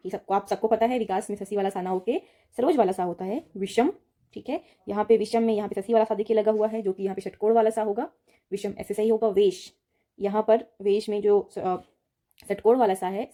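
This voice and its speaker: Woman, teacher, mellow warm tone, patient, repetitive, explaining spelling to students. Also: medium pitch. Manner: patient, repeats each word and says "ठीक है" often; addresses students directly, steady explaining tone. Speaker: Hindi teacher. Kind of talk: exam-prep grammar lesson.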